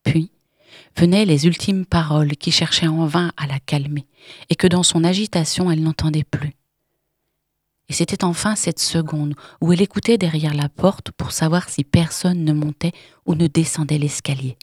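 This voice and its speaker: A woman narrating a literary novel in a measured, dramatic way, often dropping to a whisper. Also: low voice, steady tone, a little mellow, breathy edge, no room sound, studio quality.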